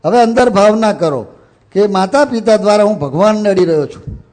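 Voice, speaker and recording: A man giving a sermon and guiding a ritual, mixing English phrases into his talk and gently directing children on a stage. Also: sits high, animated, fairly quick. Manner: instructive, mixes English phrases into speech. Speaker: religious speaker leading an assembly. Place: stage before an audience.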